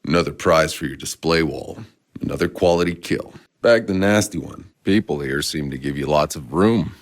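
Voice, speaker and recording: A very deep, gravelly male voice with a husky edge plays a weary, cynical, foul-mouthed sci-fi mercenary soldier in video game voice acting. His delivery is sardonic, gruff and laconic, heavily acted, and trails off into a long reverb tail.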